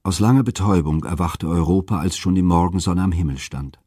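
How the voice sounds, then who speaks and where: A man narrating classical myths as an audiobook reader, with a steady, expressive delivery. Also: low voice, brisk, breathy edge, no echo, studio quality.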